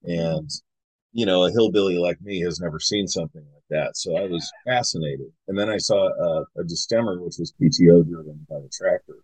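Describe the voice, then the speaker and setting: Low, husky-voiced man hosting a podcast. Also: fairly quick, dry recording, poor audio. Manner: animated, rambling anecdotes with many fillers. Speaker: podcast host. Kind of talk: casual conversational storytelling.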